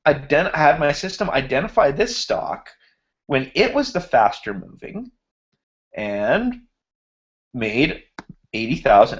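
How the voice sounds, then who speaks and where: A male finance instructor at medium pitch presents a screen-share spreadsheet lecture in an online hangout, speaking slowly and reasoning aloud while formatting cells. Losing his voice, he pauses to clear his throat. His computer mic on the video call yields lo-fi audio.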